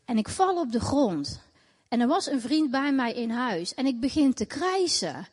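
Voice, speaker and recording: Woman, high voice, earnest, emotional, repeats phrases, faith testimony, long hall reverb. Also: very animated, normal speed, breathy edge. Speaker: testimony speaker.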